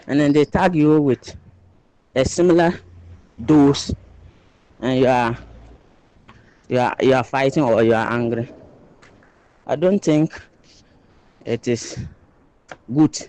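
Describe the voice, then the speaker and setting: A man's voice: mid-range voice, takes it slowly, long pauses, warm tone, dry recording, poor audio. A man giving his political opinion in a phone voice message played on air, insistent and often repeating and restarting his phrases. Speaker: listener sending a voice note.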